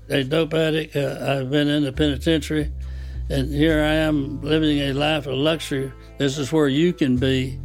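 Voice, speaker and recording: Halting, gravelly older man. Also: a little high. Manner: halting, many fillers and restarts. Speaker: interviewee. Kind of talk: interview recollection.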